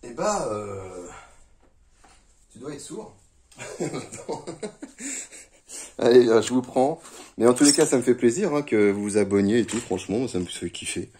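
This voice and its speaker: A man's voice: mid-range voice, animated, moderate pace, mellow, slight background noise. A man casually reviewing a gun for his viewers, rambling and swearing a lot while shooting outdoors, recorded on a phone a few meters away. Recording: echoey, from a distance.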